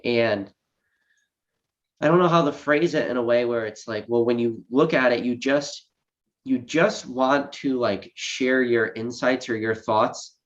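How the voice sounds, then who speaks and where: A man chatting on a casual live stream, rambling quickly with many restarts and fillers. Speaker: guest collector. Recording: muffled low-fidelity audio.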